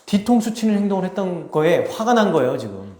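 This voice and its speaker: A man preaching a sermon, his fairly high voice swinging widely in pitch. He talks with the congregation and asks them questions, and he acts out the scripture scenes in dramatic quoted voices. The sound is roomy and echoing, as in a church hall. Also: big pitch swings, fast talker, dark tone. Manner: dramatizes the text with acted quotes. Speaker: pastor. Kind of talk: expository sermon. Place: church sanctuary.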